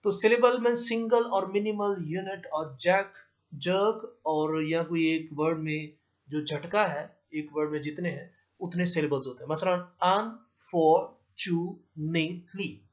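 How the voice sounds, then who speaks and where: A male teacher explaining English grammar rules slowly, repeating each term and giving English examples. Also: fairly high pitch. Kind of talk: classroom lesson explanation. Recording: dull lo-fi recording.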